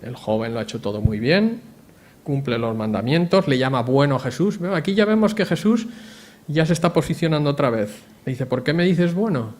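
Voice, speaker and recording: A man's voice: a little high, animated, brisk, darkish tone. A man preaches in an easy, conversational way, voice sitting a little above the usual male range. He keeps turning to the congregation with questions. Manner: chatty, asks the congregation questions. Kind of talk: conversational sermon.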